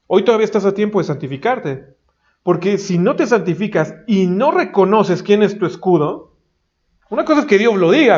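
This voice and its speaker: Male pastor, fervent sermon delivery, high voice, muffled audio. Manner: emphatic, rising to loud high-pitched exhortation. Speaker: preacher. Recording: dull lo-fi recording.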